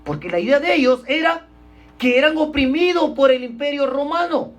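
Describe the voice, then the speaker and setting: A male pastor preaching a sermon, stressing points loudly and then dropping to a hush, and often calling his listeners brother. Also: very high voice, lively intonation, normal speed. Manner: emphatic preaching, swinging between loud stresses and hushed drops; keeps addressing listeners as brother.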